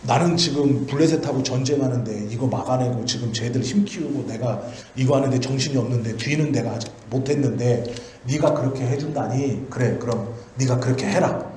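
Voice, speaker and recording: A man's voice: medium pitch, fairly quick, hardly any pauses, a little mellow, slight background noise, natural voice. A man voicing an ancient king who gives short commands and brushes off worries, in an echoey hall. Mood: dismissive. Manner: curt commands, brushing off concerns. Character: busy, reassuring ancient king.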